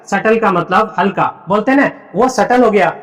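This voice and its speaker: A man teaching English in a coaching class. He spells words out slowly, letter by letter, then keeps asking the pupils what the answer is. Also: sits high, a bit bright. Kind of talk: classroom lesson.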